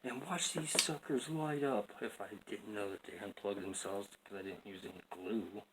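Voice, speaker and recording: A man's voice: lowish voice, fairly even intonation, moderate pace, sharp tone. A man casually explaining a DIY wiring fix, rambling and joking at himself, in a noisy home recording. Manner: rambling, self-mocking, jokey. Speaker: DIY video maker.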